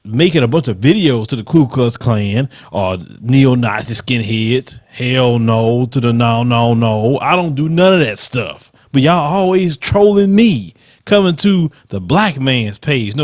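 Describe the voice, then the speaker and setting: In this casual commentary, a Southern US man with a faint lisp hosts his channel, reading out troll comments one by one and firing back with combative emphasis. He's animated, his pitch climbing and falling as he makes his points, though his pace is a little slow. The recording is dry and close, with no room around it.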